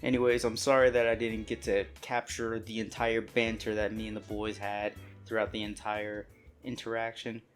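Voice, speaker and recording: A man's voice: fairly low pitch, flat delivery, normal speed, soft background music. A young man casually chatting and joking with friends while playing and voicing a story game. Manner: joking, profane, voices game dialogue. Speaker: game streamer.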